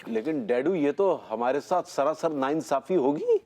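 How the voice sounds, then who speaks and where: A meek put-upon husband. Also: male voice, a little high, animated, measured pace, warm tone, a little hiss or hum. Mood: sheepish. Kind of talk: sitcom acting.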